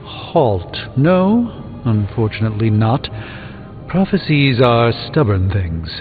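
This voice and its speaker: In video game character dialogue, an actor voices an erudite, haughty male sorcerer who is pompous, articulate and dryly witty. His medium-pitched voice moves in big pitch swings at a slow, measured, wry pace. The game audio sounds muffled and phone-like beneath music.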